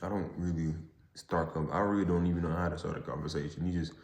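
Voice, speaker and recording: Young dude with a deep voice doing a halting chatty solo podcast in a parking garage, lots of echo. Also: male voice, steady tone, darkish tone. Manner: halting, repeats and rephrases himself. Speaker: podcast host. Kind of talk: casual solo monologue. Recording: echoey garage.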